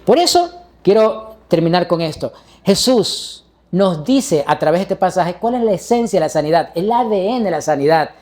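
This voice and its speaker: A man's voice: high-pitched, animated, normal speed, darkish tone. A male pastor delivering a sermon, preaching emphatically and putting rhetorical questions to the congregation.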